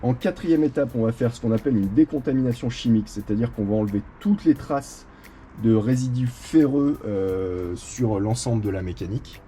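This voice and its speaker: A man hosting his own channel, calmly walking viewers through a hands-on job step by step, with frequent hesitations as he talks. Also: medium pitch, moderate pace, faint music behind. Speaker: channel host. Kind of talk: casual how-to tutorial.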